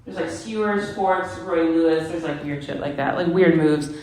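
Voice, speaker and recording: A woman's voice: sits low, moderate pace, darkish tone. A young woman doing a stand-up set, rambling and self-deprecating, often laughing at her own jokes. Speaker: stand-up comedian. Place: comedy club stage. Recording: very echoey room.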